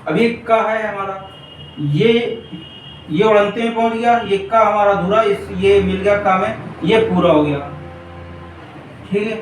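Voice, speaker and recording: This exam-prep Hindi grammar class at a board is taught by a man whose voice is high and a little slow, pausing often. He goes over points repeatedly and keeps checking on his students; the recording is echoey, distant-miked, and faintly hissy.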